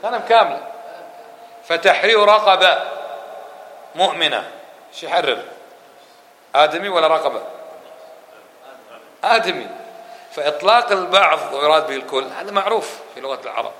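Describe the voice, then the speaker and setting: A man teaching a religious lesson to a mosque audience, asking questions and answering them himself. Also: on the high side. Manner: fast, lively delivery that drops to quick murmured dhikr runs. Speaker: Islamic scholar teaching a lesson. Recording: echoey room with faint hum.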